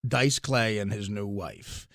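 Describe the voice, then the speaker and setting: A man, a comedian, telling stories on a podcast, excitable, his voice jumping up and getting loud at the punchlines. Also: on the low side, slow pace, vocal fry, no echo, clean studio sound. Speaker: comedian guest. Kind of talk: podcast storytelling.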